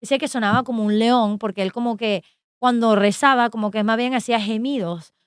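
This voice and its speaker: Smooth-voiced woman telling stories on radio. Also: on the high side, a little fast, dry recording, clean studio sound. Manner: animated storytelling with many fillers. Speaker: co-host. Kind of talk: casual radio chat about a saint's life. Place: radio studio.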